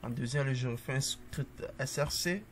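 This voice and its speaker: A man giving a casual coding tutorial, calmly talking through each step as he types and tossing in upbeat asides to the viewer. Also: medium pitch, normal speed, a little hiss or hum.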